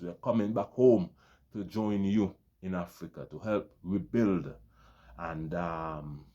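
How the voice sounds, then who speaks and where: A man speaks straight to his viewers in a very low, dark, mellow voice. He sounds earnest and keeps repeating himself, and he often calls his audience his friends. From Caribbean. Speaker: vlogger. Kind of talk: casual talk to camera.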